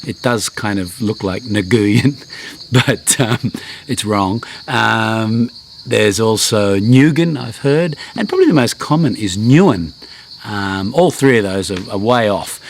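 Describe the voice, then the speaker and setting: A man's voice: on the low side, animated, a little slow, vocal fry, a little hiss or hum. A man hosting a casual travel language lesson, chatty and self-deprecating, with lots of ums and restarts. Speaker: language class host. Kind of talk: casual spoken lesson to camera.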